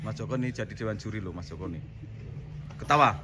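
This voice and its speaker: A man's voice: lowish voice, quick pace, background noise. A man, narrating a comedy skit and directing his team, often laughing as he talks. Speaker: director of an acting challenge.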